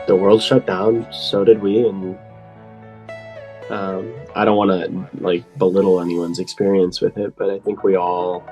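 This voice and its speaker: A young man in his twenties, a grad student, answering interview questions thoughtfully with many pauses and fillers. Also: low-pitched, a little mellow, highs cut off. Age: 20s.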